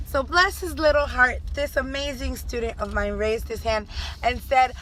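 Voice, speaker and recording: A woman teacher telling a classroom story in an animated vlog, acting out the children's voices. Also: high-pitched, moderate pace, a little hiss or hum. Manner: animated, acts out kids' voices.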